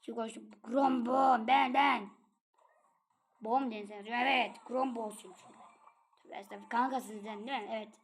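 A woman giving casual, playful commentary while playing a video game, chatty and excitable as she addresses her viewers. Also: a little high, normal speed, vocal fry, slight background noise. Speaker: gaming channel host. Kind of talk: casual let's-play commentary.

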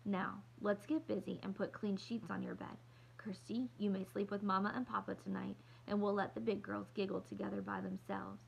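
A woman reading aloud, voicing a worried mother who keeps her voice brisk and cheerful. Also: medium pitch, flat delivery, gravelly, a little hiss or hum, low-quality recording.

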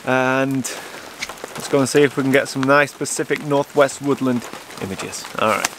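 Here's a landscape photographer in his thirties, chatting eagerly outdoors in a rain forest with a mid-range voice and moderate pace. It's a casual vlog to camera, and he comes across as excitable, enthusiastic and chatty. Rain falls steadily throughout, and the handheld camera mic catches a lot of it.

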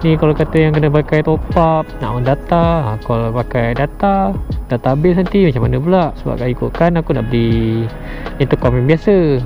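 Sitting on his motorbike at a roadside, a young Malaysian-accented man vlogs a casual, slangy product review, mixing in English words. His voice runs on the high side, a little fast, with vocal fry. The audio is dull and muffled, with loud music added behind him.

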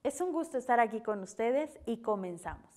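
A woman with a Mexican accent giving a steady, explanatory health talk on the radio as an herbal advisor. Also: on the high side, normal speed, over loud music.

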